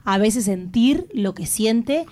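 A woman host asking the guest clear, prompting questions in an interview. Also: a little high, expressive, slow pace, dark tone.

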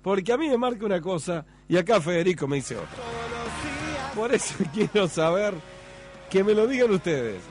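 Uruguayan male morning radio host, high voice, easygoing chatter, faint music behind. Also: big pitch swings, moderate pace. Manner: chatty, thanks listeners by name, fusses over sound levels. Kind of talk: casual morning radio chat.

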